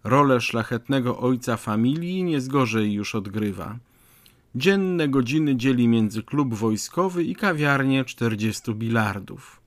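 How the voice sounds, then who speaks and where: A man narrating an audiobook in a measured, wryly ironic way. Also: mid-range voice, lively intonation, dry recording.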